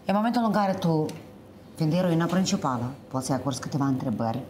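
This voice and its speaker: A woman's voice: low voice, lively intonation, a little mellow, slight background noise. Teasing woman hosting a matchmaking show. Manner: teasing, joking questions. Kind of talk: casual TV studio chat. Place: TV studio.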